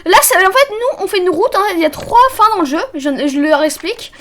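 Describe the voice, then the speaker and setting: A young woman with a very high, light voice gives casual let's-play commentary to her chat. She is chatty and bubbly, and keeps stumbling and restarting as she explains the game. Keyboard typing can be heard behind her. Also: expressive, brisk, fairly bright tone, a little hiss or hum. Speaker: streamer.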